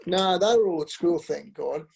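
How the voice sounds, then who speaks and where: Middle-aged aussie guy, gravelly husky voice, lots of ums and restarts, a bit higher than most. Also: a little mellow, poor audio. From Australia. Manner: halting, with many fillers and restarts. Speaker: interview guest. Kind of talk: candid personal storytelling.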